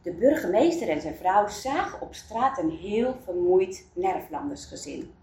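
A woman reading a children's story aloud, in an expressive storybook manner. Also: medium pitch, measured pace. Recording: roomy, distant mic.

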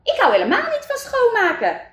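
A woman voicing the mayor's wife, a small wooden doll woman, in a high, emphatic voice. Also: wildly swooping pitch, a little fast, fairly bright tone, full character voice. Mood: insistent. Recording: roomy, distant mic.

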